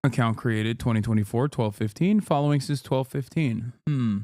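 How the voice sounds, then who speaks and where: A male streamer from Turkey talks casually and bluntly to his chat, swearing often and pushing back hard. His voice sits at an average pitch and is recorded close and dry, with no room sound. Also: normal speed, warm tone, no echo. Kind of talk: casual live-stream commentary.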